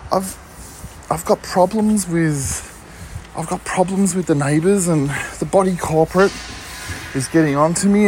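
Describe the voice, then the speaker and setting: A frazzled, chatty older mother with an Australian accent, put on by a man, her voice raised high above his own. She stammers and restarts, fretting over small troubles. It is spoken into a phone. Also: a little hiss or hum, close to an everyday voice. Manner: stammering, restarts, fussy repetition.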